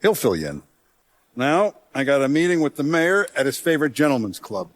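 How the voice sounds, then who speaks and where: A man's voice: medium pitch, very animated, natural voice. Don Salieri, a man as a menacing mafia boss. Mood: businesslike, scheming. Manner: deliberate, authoritative, streetwise gangster talk. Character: hardened mafia don, calculating, menacing, commanding middle-aged man. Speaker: crime boss in a video game. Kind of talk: video game character acting.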